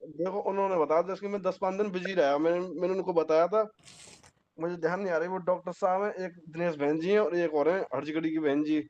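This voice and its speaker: A man with a fairly high voice joins a meeting over a video call. He talks in a halting, rambling way and keeps restarting, and the call audio comes through dull and lo-fi. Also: fairly even intonation, a little mellow. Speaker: team member on a call. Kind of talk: unscripted remarks in a meeting.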